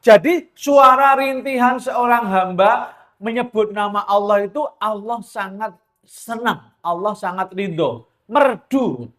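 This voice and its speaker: High-voiced Javanese-accented preacher, slow. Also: male voice. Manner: lively, joking, mixes in Javascript-free Javanese asides and sung lines. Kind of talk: sermon.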